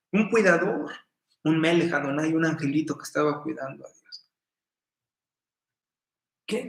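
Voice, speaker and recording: A middle-aged man with a Mexican accent preaching a sermon in a folksy, storytelling way, with sudden bursts of loud emphasis. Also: on the high side. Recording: roomy echo.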